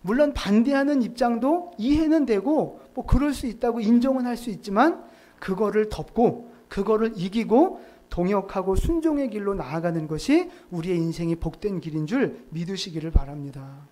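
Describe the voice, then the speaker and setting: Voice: medium pitch, animated, normal speed, warm tone. A pastor giving a sermon in a conversational way, often asking the congregation rhetorical questions. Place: church sanctuary.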